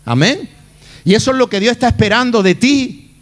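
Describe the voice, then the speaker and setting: Male pastor, high voice, dramatic sermon delivery. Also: lively intonation, normal speed. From Spain. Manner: dramatic, acts out the Bible figures' lines.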